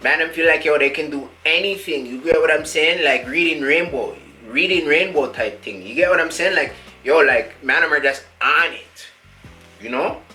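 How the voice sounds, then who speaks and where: A man's voice: on the high side, normal speed, sharp tone, faint music behind. A young man, playing a cocky street rapper who rambles in thick slang and caps every thought with a filler tag. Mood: boastful. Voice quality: slang-heavy rambling with endless filler tags. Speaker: musician being interviewed. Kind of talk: comedy sketch.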